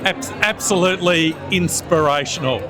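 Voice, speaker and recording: A man's voice: sits high, normal speed. A man speaking as a senator in an event interview, enthusiastic and restarting his sentences. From Australia. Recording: event with music and crowd chatter.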